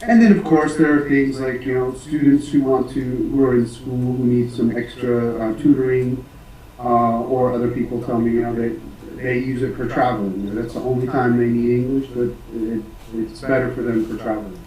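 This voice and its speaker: An American man who teaches English, answering interview questions casually with many pauses, fillers and restarts. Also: medium pitch, fairly even intonation, mellow, reverberant, far from the mic, rough recording. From United States.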